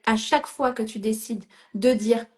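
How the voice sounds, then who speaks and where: A woman's voice: on the high side, moderate pace, darkish tone. A middle-aged woman coaching a participant in a live session, directive and reassuring, checking in often with "d'accord?" and slipping English phrases into her French.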